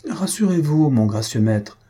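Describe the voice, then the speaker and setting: A sly, indulgent old valet voiced by a man teases in hesitant, knowing hints. His husky, mellow voice rises in pitch for the role. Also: animated, moderate pace. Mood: teasing. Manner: teasing, hesitant.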